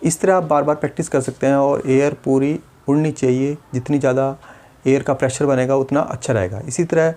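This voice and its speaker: A man, a speech therapist calmly explaining exercises step by step. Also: medium pitch, fairly quick. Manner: patient, step-by-step, demonstrates sounds. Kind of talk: instructional demonstration.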